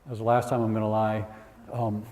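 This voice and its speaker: A middle-aged man giving an energetic, joking lecture to college students as a guest speaker. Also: on the low side, brisk. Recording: echoey hall with long reverb.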